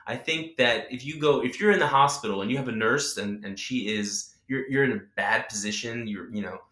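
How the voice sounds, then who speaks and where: A man, a guest who designs chatbot characters, giving animated and opinionated answers in a casual interview, often restarting his sentences. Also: medium pitch, a little fast. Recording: echoey room.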